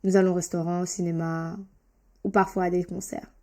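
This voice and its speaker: A woman teaching French, reading a beginner lesson text aloud with careful, clearly articulated delivery and brief explanatory asides. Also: on the low side, level tone, fairly quick, mellow.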